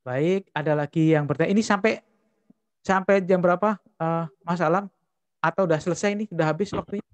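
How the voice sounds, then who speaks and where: A man's voice: high voice, brisk, dry recording. Hesitant man moderating an online seminar. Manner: hesitant, fills with "eh, apa"; reads out viewer comments.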